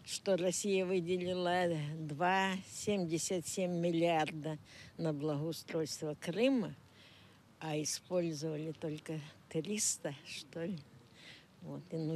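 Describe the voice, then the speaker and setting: A man speaks hesitantly in a street interview, letting his sentences trail off. His voice sits somewhat high, with faint noise behind. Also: a little mellow. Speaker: passer-by.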